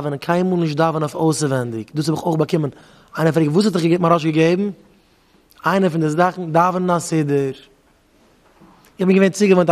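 High-voiced rabbi in a reverberant hall. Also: male voice. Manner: animated, acts out back-and-forth dialogues. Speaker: rabbi giving a talk.

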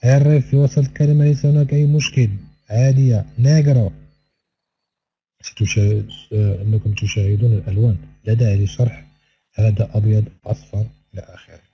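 A man giving a recorded online language lesson, repeating each word slowly and stretching its vowels. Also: fairly low pitch, fairly even intonation, muffled recording. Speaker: Spanish teacher.

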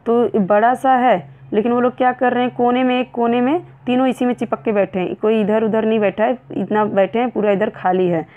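Woman teaching an english lesson, reads slow then explains, kinda dull lo-fi sound. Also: on the high side, fairly even intonation.

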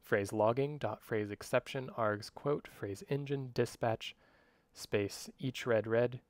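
A medium-pitched man speaks slowly, dictating code aloud in clipped runs of separate command words to demonstrate software. The recording has no echo.

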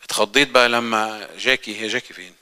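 A man's voice: lowish voice, steady tone, fast, sharp tone, clear, resonant tone. A man with an Egyptian Arabic accent preaching a church sermon in an earnest, conversational way, asking the congregation questions. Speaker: lay preacher. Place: church hall. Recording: church hall reverb.

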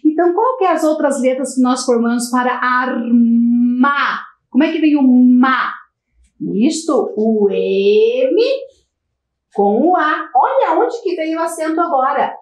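A Brazilian Portuguese woman teaches small children in a high, lively voice that rises and falls. She speaks slowly and encouragingly, and the room around her echoes. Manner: slow, sing-song, encouraging, talks straight to young children. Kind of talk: children's lesson on video.

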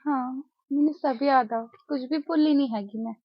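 A woman's voice: high-pitched, brisk, dry recording, natural voice. A woman playing a stubborn young village woman. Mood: tender. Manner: sharp and scolding. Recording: dull lo-fi sound.

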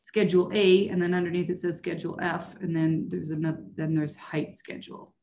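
A woman's voice: fairly low pitch, fairly even intonation, brisk, creaky, dark tone. A woman mayor chairing a council meeting over a video call, asking careful clarifying questions. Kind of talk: formal meeting discussion.

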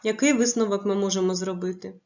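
A woman teaching a primary school lesson, stressing each word slowly and clearly for young pupils. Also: medium pitch, steady tone, darkish tone, highs cut off. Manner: slow, clearly stressed dictation of words.

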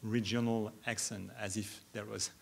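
Halting man answering questions. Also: lowish voice, level tone, gravelly. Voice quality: halting, many restarts and stammers. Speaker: keynote speaker answering questions. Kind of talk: academic Q&A answer. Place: lecture hall.

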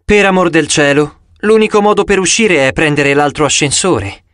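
Narrator playing an exasperated male tourist, lifted pitch, audiobook. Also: moderate pace, a bit bright, no room sound, studio quality, natural voice. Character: impatient adult male tourist. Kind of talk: audiobook character voice.

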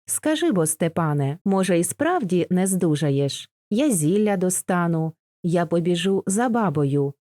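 A woman's voice: on the low side, sing-song, measured pace, few pauses, dark tone, dry recording, studio quality. A woman reading the part of a young village girl who speaks in a tender, pleading and tearful way, in an audiobook.

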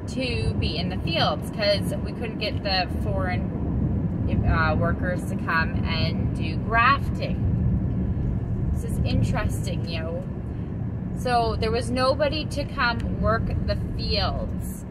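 A woman's voice: mid-range voice, lively intonation, slow. A woman in her thirties chatting to a dashboard camera while driving, rambling with many ums and restarts. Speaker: homesteading vlogger. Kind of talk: casual vlog talk to camera. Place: inside a car driving on country roads. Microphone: camera clipped on the dashboard. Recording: loud road and engine noise.

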